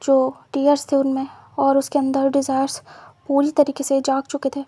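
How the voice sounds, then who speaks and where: Female storyteller, high flat mellow voice, dry close sound, plain repetitive narration. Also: normal speed, no echo.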